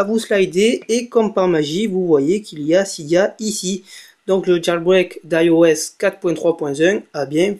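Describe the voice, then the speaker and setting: Young male tech blogger, casual how-to, slightly high voice, lots of ums and self-corrections. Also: darkish tone. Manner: chatty, many fillers and self-corrections. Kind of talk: casual screen-recorded tutorial.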